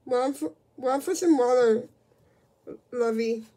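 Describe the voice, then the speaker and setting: A woman reading the lines of an excitable male farmer who is proud of his pig, speaking in an earnest, hurried way. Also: high-pitched. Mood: flustered.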